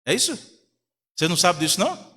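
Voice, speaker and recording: A Brazilian pastor preaches a sermon in a church hall, telling a family story and acting out the voices of the people in it. His voice sits high and sounds bright, forceful and husky, delivered fast and with great animation, trailing a long reverb tail.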